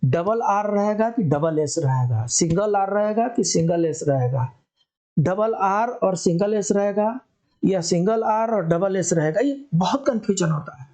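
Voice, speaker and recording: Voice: medium pitch, animated, measured pace, warm tone. A teacher giving a spelling lesson for exam students, explaining step by step and answering their own questions.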